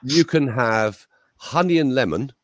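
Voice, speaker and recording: A man's voice: medium pitch, measured pace, dry recording, clean studio sound. A man, a voice coach, telling anecdotes in a casual interview chat over a video call. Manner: lively anecdotal storytelling.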